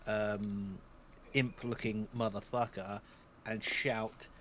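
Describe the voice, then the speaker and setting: A man's voice: fairly low pitch, flat delivery, slow, fairly bright tone, a little hiss or hum. A man playing an online tabletop game, joking and swearing casually and trailing off into fillers. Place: online voice call.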